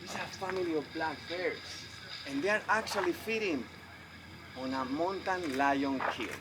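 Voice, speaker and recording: A wildlife veterinarian from Spain, speaking with a Spanish accent, gives a friendly, enthusiastic public lecture at an outdoor festival and asks the audience questions. His voice is slightly high at a moderate pace, and the recording is noisy.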